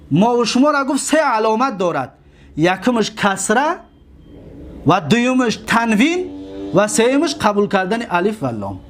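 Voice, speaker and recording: A man with a Tajik accent teaching grammar in a lecture, asking questions and answering them himself and drawing out his examples slowly. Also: high-pitched. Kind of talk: classroom lecture.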